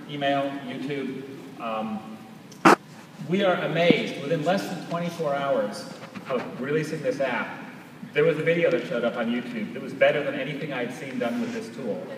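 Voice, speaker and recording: Male presenter, mid-pitched, explanatory and conversational live demo, captured at a distance from the audience in a reverberant auditorium. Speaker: presenter demonstrating an app. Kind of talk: live stage product demonstration. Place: large auditorium stage, recorded from far in audience. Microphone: distant camera picking up PA sound. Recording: echoey large hall, distant, noisy audience recording.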